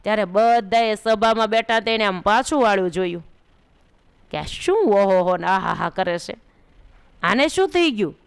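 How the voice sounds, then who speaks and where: A woman's voice: medium pitch, expressive, a little slow, clear, resonant tone. A woman narrating a devotional story as a religious storyteller, acting out the characters' words. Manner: narrates with acted quotes of characters. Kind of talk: devotional katha sermon.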